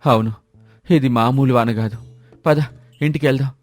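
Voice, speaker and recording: A man voicing a cautious, kind-hearted village farmer who speaks in a steady, earnest way. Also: mid-range voice, normal speed, faint music behind, lightly acted. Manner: steady, earnest, shouts commands when urgent.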